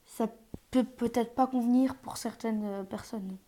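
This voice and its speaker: A woman's voice: fairly high pitch, steady tone, a little slow, dark tone. A woman streaming live gameplay commentary through an earphone mic, hesitant with many fillers and sometimes dropping to a whisper.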